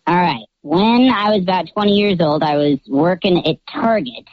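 Anonymous male caller, voice run through a pitch-shifting changer, cheery casual storyteller, muffled lo-fi line. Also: lively intonation, normal speed, dry recording. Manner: cheery, chatty, lots of "like" asides. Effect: pitch-shifting voice changer disguising his voice. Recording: muffled lo-fi call audio.

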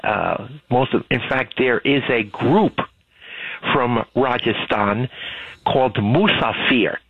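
A man speaking as a guest on a talk-radio show, laying out what he knows in long, explanatory turns. His voice is gravelly and husky. It comes through a tinny phone line that squeezes the sound thin. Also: mid-range voice, takes it slowly, no room sound. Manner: knowledgeable, explaining at length. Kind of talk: casual talk-radio conversation.

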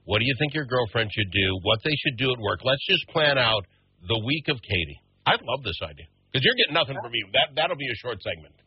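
A man in his sixties hosts a talk radio show, bantering with quick jokes and asides. His voice swings up and down with a husky grain. The sound is dry and a little dull, as heard over the radio. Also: mid-range voice, sing-song, no echo. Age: 60s. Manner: jokey, quick asides, laughs often. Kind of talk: casual radio chat.

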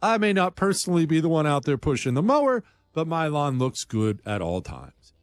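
A man's voice: a little high, very animated, normal speed, dry recording. A man hosting a talk show, delivering a blunt, combative monologue full of rambling asides. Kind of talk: opinionated radio-style monologue.

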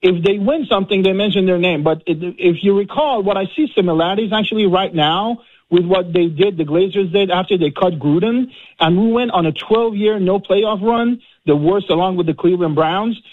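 A man's voice: sits high, fairly quick, hardly any pauses, no echo. Fired-up man phoning in to radio. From Florida, USA. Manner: heated, fired-up complaining. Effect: phone caller on a radio show. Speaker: caller. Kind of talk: calling in to a sports talk radio show. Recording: tinny phone line.

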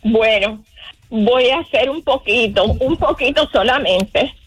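Woman from Cuba, radio caller, husky, excited, tearful, dry phone line. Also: on the high side, dry recording, soft background music. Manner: excited, halting. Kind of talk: emotional phone-in chat.

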